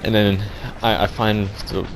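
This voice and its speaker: Deep-voiced man rambling a deadpan tall tale. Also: a little hiss or hum. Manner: rambling, halting, full of restarts and fillers. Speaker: vlogger. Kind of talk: deadpan absurd storytelling.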